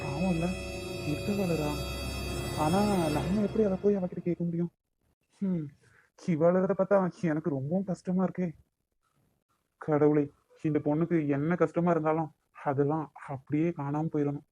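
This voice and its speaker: A man's voice: on the high side, fairly even intonation, normal speed, long pauses, warm tone, soft background music, lightly acted. A man voicing a lovestruck young taxi driver. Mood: musing. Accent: Nagercoil Tamil. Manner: talks to himself, wheedling. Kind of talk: cartoon voice acting.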